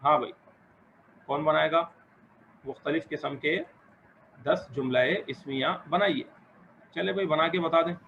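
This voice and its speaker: A male teacher leads an Arabic grammar class, asking questions and encouraging his students as he explains. His voice sits fairly high. The recording is dull and lo-fi, with faint background hiss. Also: measured pace, vocal fry, pauses often.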